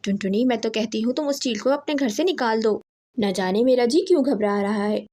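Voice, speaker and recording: A woman's voice: on the high side, fairly quick, dark tone, close to an everyday voice. A woman voicing a wary, loyal female crow who worries about her friend in a cartoon story. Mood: worried. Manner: worried, pleading.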